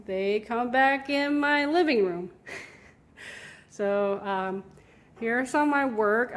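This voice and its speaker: Young woman chatting thru a home tour, laughs a bit, kinda echoey room sound. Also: mid-range voice. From Taiwan. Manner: chatty, laughing lightly between thoughts. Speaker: artist and photographer. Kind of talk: casual home tour talk. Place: at home, indoor rooms. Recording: roomy echo of a home.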